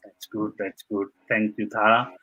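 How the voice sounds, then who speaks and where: A man hosting a live online panel over a video call, halting, with many restarts and repeated short praise. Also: lowish voice, flat delivery, pushed and bright, dull audio, faint music behind.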